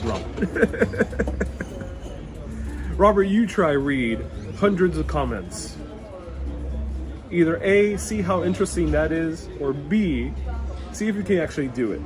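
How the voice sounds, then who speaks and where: Outdoors in a European old town, a man who was born in Puerto Rico and grew up in New York live-streams as a travel vlogger, casually riffing on viewer comments he reads out. He speaks unhurriedly with fairly high pitch and lively intonation, pausing often. Salsa music plays clearly nearby, picked up on his wireless clip-on mic.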